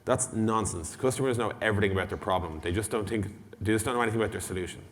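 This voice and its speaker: On a big indoor conference stage, a tech company executive gives a casual product talk to the room, his fairly low voice racing along. He's blunt and mildly sweary, acting out bits of dialogue, and the hall adds long reverb over slight background noise.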